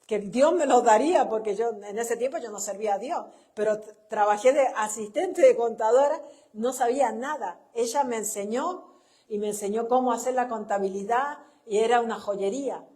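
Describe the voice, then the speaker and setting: In a fairly high, slightly mellow voice, a middle-aged Chilean pastor's wife preaches conversationally. Her sermon runs on personal anecdotes she laughs at herself, and she keeps punctuating sentences with a questioning "¿no?" as a church speaker.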